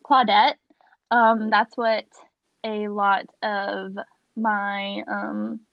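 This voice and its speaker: A woman's voice: mid-range voice, level tone, very slow, vocal fry, no room sound, dull audio. A young woman chatting casually with a friend during a quiz game, giggly and talkative.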